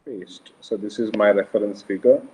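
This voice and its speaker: A man's voice: lowish voice, moderate pace, a little mellow, slight background noise. A man with a South Indian Kannada accent giving a live online lecture step by step, informally, often putting questions to his students. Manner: informal, frequent questions to students, repeats phrases. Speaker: engineering lecturer. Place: online class over a video call, screen shared. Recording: dull lo-fi online call audio.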